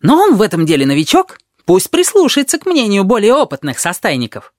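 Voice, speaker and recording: A man voicing an excitable, chattering teenage boy who is fussy and bossy in an audiobook. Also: high voice, no room sound, studio quality, voice pushed up. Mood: coaxing. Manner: fussy, bossy, quick to object.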